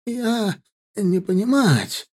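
A man's voice: high voice, animated, drawn-out words, pitched above the performer's own voice, full character voice. A man voicing a terrified young captive fighter who pleads in broken grammar. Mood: pleading.

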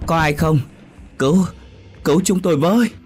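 A man's voice: fairly low pitch, lively intonation, normal speed, faint music behind, lightly acted. Man doing a brash, mocking young tough. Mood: desperate. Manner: brash, teasing, rough-talking.

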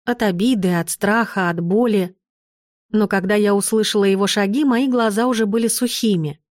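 A woman reads an audiobook in the first person, calm and measured. Her voice sits at an ordinary middle pitch. The recording is dry and close, with no room echo. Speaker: audiobook narrator.

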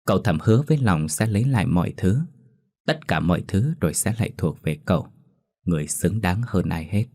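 Man reading a spooky folk story, really deep voice, steady and measured. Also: vocal fry, no echo, studio quality. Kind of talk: scripted story narration.

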